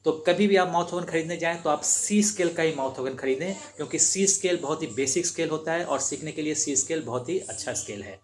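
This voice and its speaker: A man's voice: on the high side, fast, few pauses. Patient man teaching beginners harmonica. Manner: patient, repetitive step-by-step explaining. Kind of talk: instructional demonstration.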